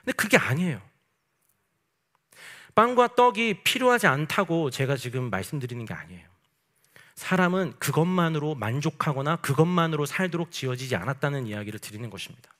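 Male pastor, sermon, emphatic, rhetorical questions, animated and somewhat high voice. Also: brisk. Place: church service at night.

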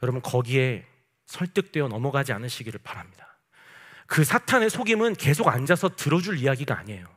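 A man's voice: mid-range voice, very animated, a little fast, a bit bright. A man preaching a night sermon as pastor, emphatic and asking the congregation rhetorical questions. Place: church service at night.

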